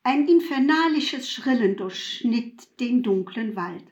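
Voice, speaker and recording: Slow, expressive woman narrating a story. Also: on the high side, highs cut off. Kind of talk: scripted narration.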